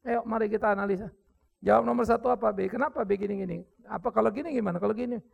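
A man with an Indonesian accent preaching a sermon, joking with the crowd and bursting into sudden shouts. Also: high voice, very fast, vocal fry, husky, phone-quality sound. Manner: lively preaching with jokes, acted quotes and sudden shouts. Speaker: pastor.

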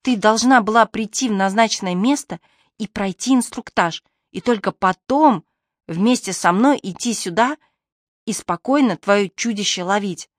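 A woman voicing a grumpy middle-aged male senior police inspector who talks gruffly and hisses hoarsely. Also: medium pitch, normal speed, no echo, clean studio sound, close to an everyday voice. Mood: grumbling.

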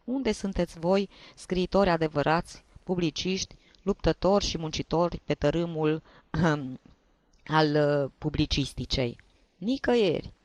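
A man's voice: on the high side, a little mellow, dry recording, close to an everyday voice. A man voicing a tipsy old male journalist with a reedy tenor voice, giving rambling, sentimental toasts. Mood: nostalgic.

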